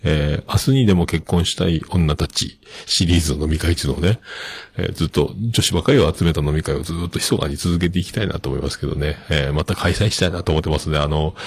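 A man's voice: very deep voice, fairly quick, vocal fry, slightly rough, dry recording. A middle-aged man hosting a podcast, chatting casually and rambling with many fillers as he reads listener mail. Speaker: podcast host.

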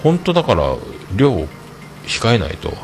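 With a mid-range voice that swings hugely in pitch, this man in his 40s talks at a moderate pace over slight background noise. He hosts a casual podcast monologue, reading listener comments and wandering through stories full of filler sounds.

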